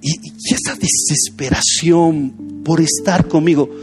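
High-voiced pastor preaching. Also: male voice, steady tone, takes it slowly, a little mellow, soft background music. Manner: conversational, anecdotal preaching. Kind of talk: sermon.

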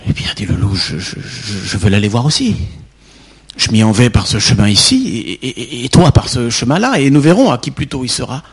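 A man voicing a sly, hungry male wolf while reading a fairy tale aloud, in a soft and slightly stumbling way. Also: mid-range voice, sing-song, brisk, breathy edge. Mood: coaxing.

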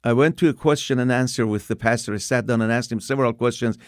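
A man's voice: mid-range voice, fast, no echo, studio quality. A man from Iran in his sixties with a Persian accent, earnestly telling his personal testimony with occasional restarts. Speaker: speaker giving his testimony.

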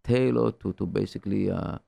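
Gravelly man teaching Torah haltingly. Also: lowish voice, no room sound. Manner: halting, repetitive, searching for words; animated rhetorical questions and exclamations. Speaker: religious teacher. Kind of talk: informal Torah talk.

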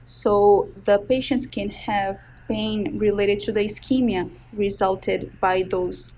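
The recording quality is poor, and a Brazilian woman in her thirties with a Brazilian Portuguese accent speaks slowly in a steady, warm, mid-range voice. A resident physician, she answers interview questions about her research, carefully explaining medical terms with many hesitations.

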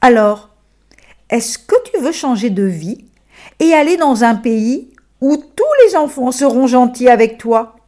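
A woman voicing a gentle, kind holy baby boy who speaks softly and soothingly in a Christmas tale. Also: fairly high pitch, animated, unhurried. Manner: soft and soothing.

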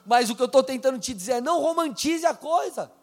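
A man preaching a sermon in a casual, conversational way, slowing down to read scripture aloud. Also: very high-pitched, expressive, long reverb tail. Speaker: pastor. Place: church hall.

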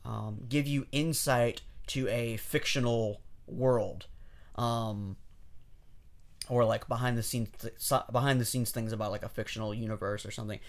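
A man with a gravelly edge to his voice talks on a casual podcast. He explains things in a hesitant, rambling way, stopping and restarting often. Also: mid-range voice, fairly even intonation, normal speed. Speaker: podcast co-host.

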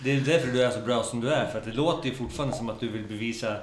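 A man interviewing a guest in a casual chat, with brief prompts and encouraging remarks. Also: mid-range voice. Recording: echoey room with clear background noise.

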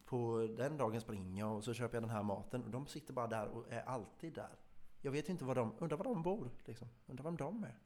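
A man's voice: mid-range voice, hardly any pauses, darkish tone. Male podcast co-host, casual musing delivery, easygoing. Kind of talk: casual chat.

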